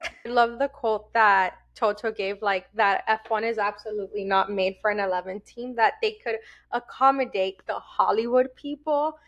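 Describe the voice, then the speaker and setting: A woman's voice: medium pitch, moderate pace, fairly bright tone, muffled recording. A young woman co-hosting a podcast, talking casually and animatedly, laughing often. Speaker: podcast co-host. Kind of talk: casual chat.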